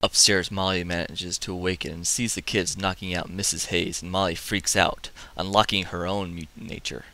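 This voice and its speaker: A man hosting a comic book review, summarizing the story with excitable, casual asides. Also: sits low, normal speed, hardly any pauses. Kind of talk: enthusiastic comic review narration.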